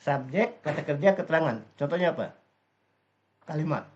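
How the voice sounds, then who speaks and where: A male English teacher whose voice climbs and dips with a lot of movement as he walks his class through grammar. He explains step by step and keeps quizzing the room. The slightly high voice comes through a dull, lo-fi recording. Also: expressive, normal speed, a little mellow.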